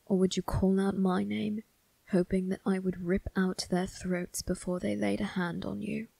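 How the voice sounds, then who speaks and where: In an ASMR roleplay monologue aimed at the listener, a woman voices a cold, condescending male vampire crime boss using a husky, gravelly near-whisper. The delivery is slow, deliberate and measured, with taunting menace. Her voice is mid-range, mellow and fairly flat in pitch, with no room sound.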